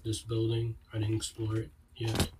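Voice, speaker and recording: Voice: mid-range voice, monotone, normal speed, distant mic, background noise. A player chatting during a Minecraft session, nervous about enemies and joking with a friend. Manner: jumpy, anxious and joking. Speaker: Minecraft server player, guest. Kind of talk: casual gaming chat.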